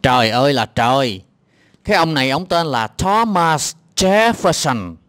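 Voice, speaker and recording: A man's voice: a little high, animated, unhurried, a bit bright, dry recording, studio quality. A man with a Southern Vietnamese accent giving exasperated, mocking reaction commentary on a clip, with lots of hesitant filler sounds. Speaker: video commentator.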